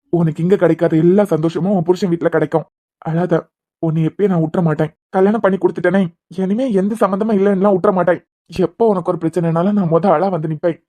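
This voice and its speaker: A woman's voice: mid-range voice, darkish tone, lightly acted. A woman voicing a caring adult elder brother in a cartoon series, speaking in a soothing, tender way with a Kanyakumari Tamil accent. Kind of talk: cartoon web series voice acting.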